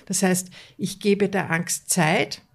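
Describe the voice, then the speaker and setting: A woman's voice: lowish voice, steady tone, takes it slowly, creaky. A woman coach in an interview, talking earnestly and repeating words for emphasis. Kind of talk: conversational interview.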